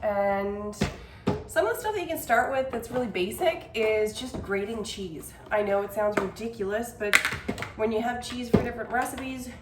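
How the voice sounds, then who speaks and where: A woman's voice: fairly high pitch, animated, moderate pace, echoey room, far from the mic, loud music behind the voice. A young woman chatting casually as she preps meals in her home kitchen, a little out of breath and self-deprecating. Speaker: cooking vlogger. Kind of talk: casual meal-prep vlog.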